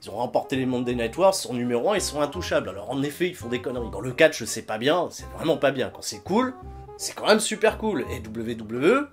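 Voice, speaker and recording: A man's voice: medium pitch, very animated, fairly quick, faint music behind. A man hosting a wrestling show, chatting in a rambling, slangy and sarcastic way. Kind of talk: casual wrestling chat.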